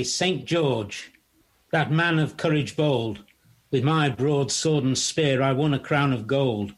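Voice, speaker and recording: A man's voice: mid-range voice, breathy edge. A man playing a bold, boastful knight, declaiming rhymes in a comic folk play. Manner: declamatory, rhyming bravado. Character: boastful, bold knightly hero Saint George.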